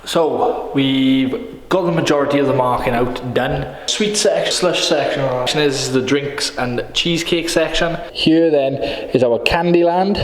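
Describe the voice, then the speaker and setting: A man chatting upbeat to camera as a painter vlogging, his voice echoing in an empty shop as if under a bridge. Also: medium pitch. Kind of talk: casual vlog to camera. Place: empty indoor shop being fitted out. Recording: echoey hall-like room, some noise.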